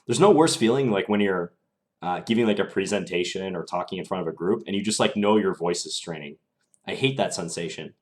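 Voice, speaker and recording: This young chess streamer speaks in a low voice at a fairly quick clip, a little strained, as he casually narrates his games and answers questions from viewers, thinking out loud.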